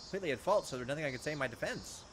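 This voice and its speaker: A man with a fairly high voice narrates a visual novel rapid-fire for a let's play, with noise in the background. He punctuates the passages with animated, wry, casual joking asides.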